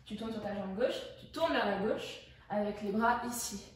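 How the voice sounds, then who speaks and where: A woman's voice: medium pitch, animated, normal speed, slight background noise. A young woman teaching dance choreography step by step, counting the moves out with sounds like "foum" and "poum.". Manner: sings along in English during the run-through. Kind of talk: dance tutorial instruction. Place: dance studio. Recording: echoey dance studio, mic far off.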